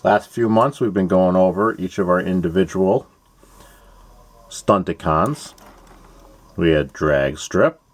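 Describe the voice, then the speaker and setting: This toy-building show host has a low voice and speaks slowly, pausing often, with no room sound. He explains every step of the build casually and plainly, mixing in playful remarks.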